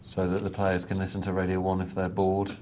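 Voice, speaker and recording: A man's voice: low-pitched, monotone, brisk, a little mellow, a little hiss or hum. Dry-witted male poker commentator. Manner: dry self-mocking humour. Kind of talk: live poker commentary with banter.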